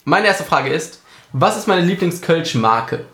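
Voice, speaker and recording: A man's voice: a little high, expressive, measured pace, fairly bright tone. A man in his twenties hosting a casual podcast, laid-back and teasing as he quizzes his friends. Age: 20s. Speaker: podcast host, quizmaster. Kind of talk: casual chat, drinking quiz game. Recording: echoey room.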